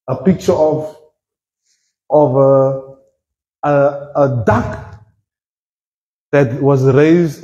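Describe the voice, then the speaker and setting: A South African man preaching a sermon in a church, playful and animated, mixing English and Afrikaans. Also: fairly high pitch, echoey room, low-quality recording. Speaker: pastor.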